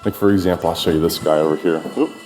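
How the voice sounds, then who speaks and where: A middle-aged man speaks in a fairly low voice and tells stories from his life in a relaxed, chatty way. He is an artist and talks from his own studio, which gives the recording a roomy echo. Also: very fast, over music. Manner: relaxed and chatty, with many fillers. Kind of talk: casual personal storytelling.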